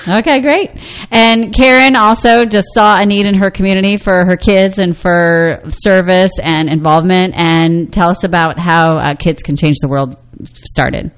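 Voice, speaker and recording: Low-voiced, smooth woman talk-show host. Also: measured pace. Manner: chatty, relaxed, with fillers. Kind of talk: casual talk show hosting. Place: radio studio.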